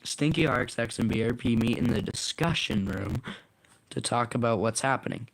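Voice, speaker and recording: A man's voice: medium pitch, moderate pace, creaky, a little hiss or hum. A man reading his own story aloud in a casual way, sometimes stumbling and correcting himself.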